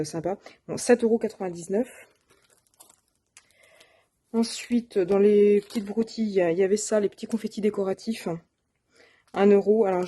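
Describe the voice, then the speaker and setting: A woman's voice: medium pitch, dark tone. A woman presenting her shopping haul of craft supplies in a casual, hesitant way, with many fillers and self-corrections. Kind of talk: casual show-and-tell.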